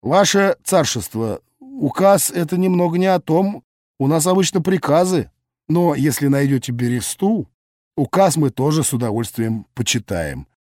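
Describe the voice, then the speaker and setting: A man reading an audiobook, voicing a sharp-tongued sarcastic young woman in a raised, mocking tone. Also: a little high, animated, normal speed, no room sound, studio quality, pitched above the performer's own voice, close to an everyday voice. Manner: mocking, venomous, indignant.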